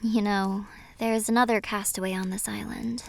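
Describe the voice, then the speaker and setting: For a cinematic audio roleplay, a woman takes on the role of a gentle, mysterious siren, guarded and wistful, talking softly and carefully and often breaking into a breathy whisper. Her mid-range voice holds a steady tone close to everyday speech, with a wry, gentle mood. A little hiss or hum is audible.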